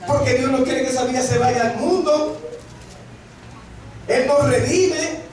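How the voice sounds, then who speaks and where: A man's voice: extremely high pitch, a little slow, darkish tone. A male pastor preaching a sermon. He reads scripture aloud and asks the congregation rhetorical questions that he answers himself. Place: church sanctuary. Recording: very echoey hall, distant mic.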